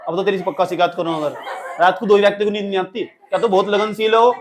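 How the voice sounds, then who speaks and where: Male grammar teacher, high-pitched, scolds and jokes with students in class. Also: fairly even intonation, fast talker, a little hiss or hum. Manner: scolding, teasing, quizzing students. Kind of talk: classroom lecture.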